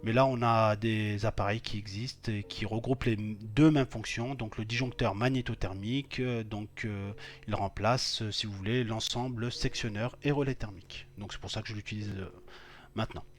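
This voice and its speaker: A man's voice: fairly low pitch, steady tone, normal speed. A man teaching electrical wiring, walking through each step on screen as he clicks, with many hesitations and fillers. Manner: thinks aloud while clicking, many fillers. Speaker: electrical instructor. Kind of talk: screen-recorded software tutorial.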